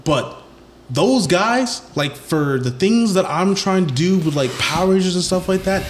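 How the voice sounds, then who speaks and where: A man's voice: high voice, expressive, measured pace, slight background noise. A young man co-hosting a podcast, joking bluntly and using slang in casual chat. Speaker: podcast co-host.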